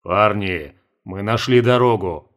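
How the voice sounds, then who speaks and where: A man's voice: lowish voice, slow pace, fairly bright tone. A man voicing a terse scout on a crackling radio. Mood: excited. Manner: clipped military report. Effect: voice over a crackling radio, through static. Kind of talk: audiobook reading.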